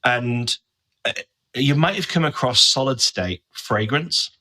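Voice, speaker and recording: Bright-voiced enthusiastic guest. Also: male voice, mid-range voice, expressive, takes it slowly, low-quality recording. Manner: enthusiastic, gushing about products. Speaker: guest, brand creative officer. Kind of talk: casual interview chat.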